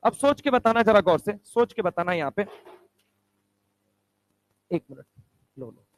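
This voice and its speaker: High-voiced man drilling a chemistry class. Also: expressive, poor audio. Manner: drills students with quick rhetorical questions; answers his own questions aloud. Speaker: chemistry teacher. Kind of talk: classroom lecture.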